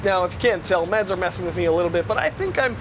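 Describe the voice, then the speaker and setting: A man's voice: sits high, very fast, background noise. A man giving casual game commentary in a rambling, self-correcting way, recorded on the go through a headset with poor audio quality. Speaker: gameplay commentator. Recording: lo-fi headset audio over music.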